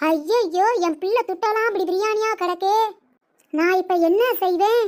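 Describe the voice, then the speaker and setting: Cartoon mother-in-law, older, shrill and scolding, played by a woman, very high voice. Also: normal speed. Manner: scolding, nagging, loud. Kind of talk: cartoon comedy voice acting.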